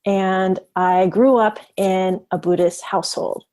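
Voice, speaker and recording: A woman presents to a webinar audience in a relaxed, informal way. Her voice sits at an ordinary middle pitch. She thinks aloud, filling pauses with ums and reworking her phrases as she goes. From Taiwan, raised in the United States. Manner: thoughtful, with frequent ums and self-corrections. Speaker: professor giving a webinar presentation.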